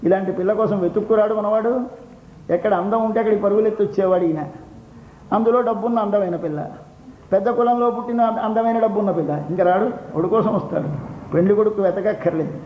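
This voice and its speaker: A man's voice: high voice, fast. An older man giving a devotional discourse, explaining a hymn line by line, repeating phrases and chanting verses. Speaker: religious discourse speaker. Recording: roomy, dull lo-fi recording with faint noise.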